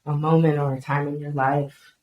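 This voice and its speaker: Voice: medium pitch, little pitch movement, moderate pace, dull audio. A podcast host chatting casually and supportively, full of "like" and "facts". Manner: casual, affirming, says "facts" and "like" often. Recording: echoey room, voice off-mic.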